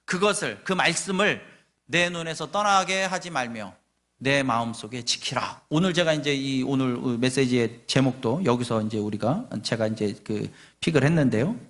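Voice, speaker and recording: A man's voice: mid-range voice, expressive, normal speed, fairly bright tone. Man preaching with rhetorical questions. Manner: acts out nagging voices and quoted speech. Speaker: pastor. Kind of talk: sermon.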